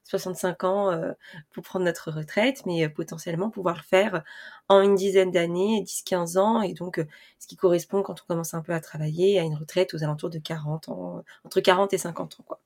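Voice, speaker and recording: A woman in her twenties hosting a podcast in a casual monologue, chatty, often pausing with fillers and restarting her sentences. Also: lowish voice, fairly even intonation, vocal fry, darkish tone. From France. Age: 20s. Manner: chatty, frequent hesitations and restarts. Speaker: podcast host.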